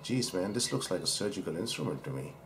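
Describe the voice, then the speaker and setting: A Pakistani doctor chats casually while unboxing a razor at his desk, filmed from an overhead camera indoors, rambling and correcting himself as he admires the parts. His low voice is sing-song and fairly bright, and he talks quickly. There's slight background noise.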